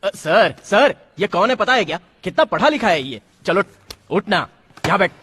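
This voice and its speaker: A man's voice: high-pitched, animated, sharp tone, breathy edge, dry recording, full character voice. A man dubbing a cheeky, joking young sidekick in a Hindi film. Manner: cheeky, joking, fast-talking. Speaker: hero's chatty friend.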